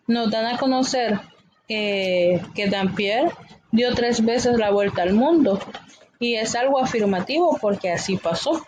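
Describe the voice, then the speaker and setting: A woman teacher explaining a grammar lesson patiently, often pausing with fillers. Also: fairly high pitch, a little mellow, a little hiss or hum, poor audio.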